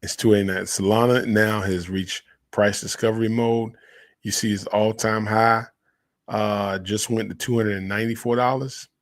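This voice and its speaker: A man talking casually as a crypto host, in a hyped, slangy, emphatic crypto bro manner, with a husky, gravelly voice. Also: on the low side, fairly even intonation, normal speed. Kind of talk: casual solo crypto commentary.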